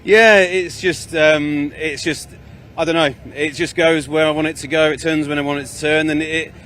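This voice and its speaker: A man's voice: fairly high pitch, fairly even intonation, normal speed, a bit bright. A man, a racing driver, hesitantly describing his car in an interview outdoors at the circuit. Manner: hesitant, searching for words. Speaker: class winner driver. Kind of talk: post-race interview.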